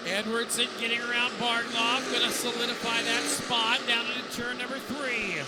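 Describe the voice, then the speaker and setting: High-pitched male motorsport commentator over roaring engines. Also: level tone, normal speed. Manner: calls positions in clipped running phrases. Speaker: motorsport track announcer. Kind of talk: live stock car race commentary. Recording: loud engine noise over track announcing. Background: race car engines.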